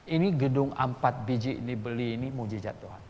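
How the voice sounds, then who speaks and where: A gravelly-voiced man in his sixties preaching a sermon, telling a story and acting out the dialogue with energy. His voice rings with a long reverb through a big church hall. A faint hiss sits underneath. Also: medium pitch, a little fast. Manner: animated storyteller who acts out dialogue. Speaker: pastor.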